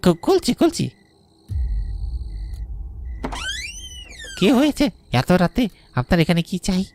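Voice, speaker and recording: A man's voice: high-pitched, sing-song, fairly quick, darkish tone, a little hiss or hum. A man playing a panicky, pleading villager in a cartoon ghost story, stammering and frantic. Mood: nervous. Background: prominent background music.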